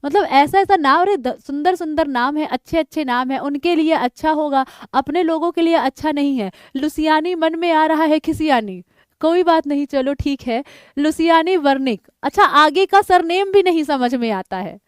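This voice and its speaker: High-voiced woman teaching a live class. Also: normal speed, no echo, clean studio sound. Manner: drills answers by repeating them, reads out student names; chatty, jokes about names. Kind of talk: live exam-prep class.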